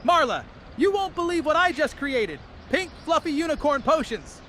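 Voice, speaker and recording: Excitable young alchemist tinkerer, very high and piercing, eager fantasy-comedy optimist. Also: male voice, moderate pace, a little hiss or hum, full character voice. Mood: excited. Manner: eager, enthusiastic. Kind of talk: scripted fantasy comedy dialogue.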